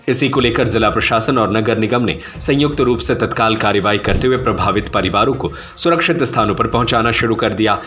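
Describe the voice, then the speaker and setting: A man's voice: lowish voice, fairly bright tone. A man reading scripted news narration as a reporter in voice-over.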